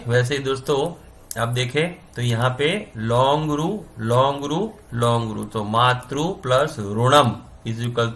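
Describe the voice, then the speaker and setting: A man teaching Sanskrit grammar in Hindi, saying each sound slowly, repeating it, and checking that his students follow. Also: medium pitch, fairly bright tone. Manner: repeats sounds slowly, checks understanding with "समझ में आ रहा है ना?". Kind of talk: classroom-style explanation.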